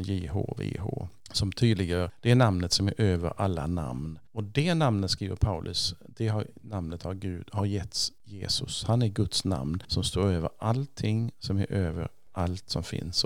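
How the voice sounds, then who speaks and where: A man, a priest and Bible teacher, explaining scripture as a podcast guest, thoughtful and slow with pauses and repeats. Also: sits low, no room sound.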